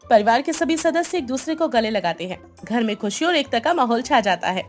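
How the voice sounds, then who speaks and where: A woman narrates an animated family story in a steady, descriptive storybook manner. Her voice sits high for a woman. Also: brisk, faint music behind.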